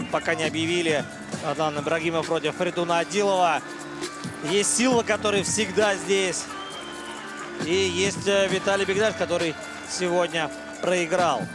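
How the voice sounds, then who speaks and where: A man giving live commentary on a mixed martial arts fight. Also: high voice. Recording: loud crowd and music behind. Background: arena crowd and music.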